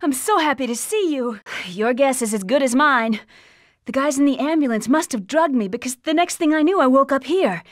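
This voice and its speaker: An actress with an American accent playing an agile, confident cat burglar from a video game, urgent, familiar and theatrical in manner. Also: female voice, sits high, expressive, normal speed, no room sound, clean studio sound. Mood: relieved, pleading. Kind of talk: acted video game character lines.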